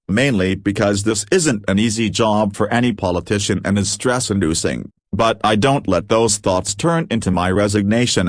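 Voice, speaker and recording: A man voicing a formal, speechy president in an animated cartoon. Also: fairly low pitch, no echo, studio quality, lightly acted.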